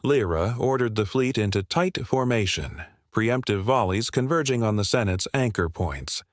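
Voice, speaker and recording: Low-voiced male sci-fi narrator. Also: moderate pace, dry recording, studio quality. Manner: steady dramatic storytelling.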